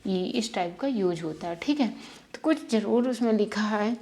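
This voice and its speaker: A woman's voice: medium pitch, animated, moderate pace, warm tone. A woman teaching beginners how to spell syllables, repeating each sound patiently and checking in often.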